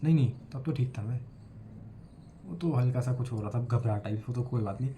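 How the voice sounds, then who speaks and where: Getting over a cold, an earnest 18-year-old Indian-accented student vlogger talks to the camera in a casual vlog, combining Hindi and English. His mid-range voice is mellow and a little fast, with a little hiss or hum present.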